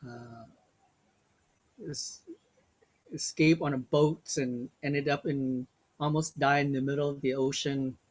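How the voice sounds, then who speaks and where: Slow, gentle older man leading a webinar. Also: mid-range voice, flat delivery. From Vietnam. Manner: slow, gentle, reflective, with small restarts. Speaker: workshop facilitator. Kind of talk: guided webinar talk.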